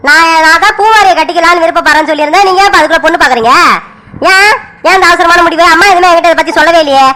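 A woman's voice: very high-pitched, rapid-fire, sharp tone, low-quality recording. A woman voicing a young man who protests and pleads with his father. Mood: protesting. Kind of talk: cartoon voice acting.

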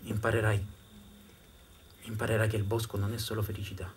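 A man's voice: fairly low pitch, level tone, fairly quick, distant mic, slight background noise, voice pushed down, lightly acted. A man playing a stern old hunter grandfather who scolds his grandson in a stage story.

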